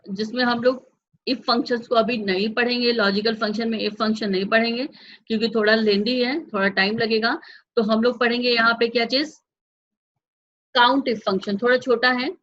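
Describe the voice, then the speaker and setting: Female teacher, slightly high voice, patient and repetitive, muffled low-fidelity recording. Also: fairly bright tone, a little hiss or hum. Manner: patient, repeats each step, asks the class if they follow. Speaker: computer class teacher. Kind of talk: step-by-step software lesson.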